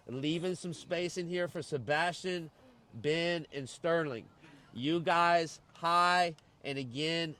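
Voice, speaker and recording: Male soccer coach, slightly high-pitched, delivering an instructive team pep talk with repeated points and check-in questions. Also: a bit bright. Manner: checks understanding with short questions. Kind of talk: pre-game and halftime pep talk to a team.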